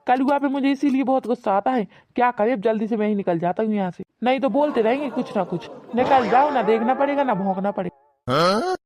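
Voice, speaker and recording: A woman's voice: a little high, fairly quick, darkish tone, slight background noise, natural voice. A woman voicing a grumbling, henpecked village husband who complains and threatens in rustic dialect in a cartoon. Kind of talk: cartoon voice acting.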